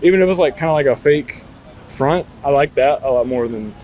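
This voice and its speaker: A man's voice: mid-range voice, a little fast, a little mellow, a little hiss or hum, poor audio. A man with a mid-range voice chats easily in a street interview, dropping loose fillers as he goes. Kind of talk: casual chat.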